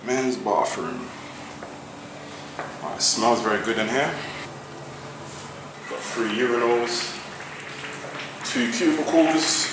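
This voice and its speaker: Chatty vlogger reviewing food. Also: male voice, medium pitch, takes it slowly, pauses often, echoey room, noisy background. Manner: enthusiastic, chatty, gives ratings out of five. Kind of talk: casual restaurant review vlog. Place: restaurant and home room.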